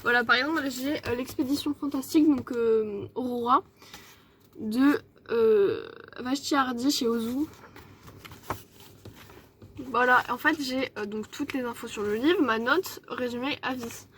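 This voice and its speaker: Young woman with a high voice, casual book vlogger at home, rambling chat full of fillers and restarts. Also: measured pace, fairly bright tone, slight background noise. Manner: chatty, rambling, many fillers and self-corrections. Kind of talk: casual evening vlog. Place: at her desk at home.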